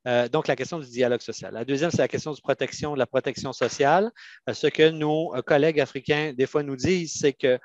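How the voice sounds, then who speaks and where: In a dry, muffled recording, a mid-range male voice with fairly even intonation answers questions on an online panel. He's a union adviser from Canada with a Quebec French accent, and his explanations are methodical and halting.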